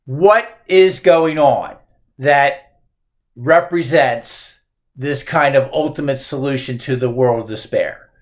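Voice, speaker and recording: Slow, deliberate male teacher. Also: medium pitch. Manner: slow, emphatic rhetorical questions. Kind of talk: classroom lecture on a poem.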